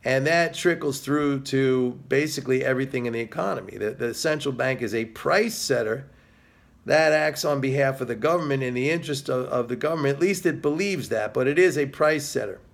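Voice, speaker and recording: Middle-aged male host, slight vocal fry, pushy and scornful solo commentary, lots of "uh"s. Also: mid-range voice, a little fast. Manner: emphatic and sarcastic, with frequent fillers. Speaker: video host.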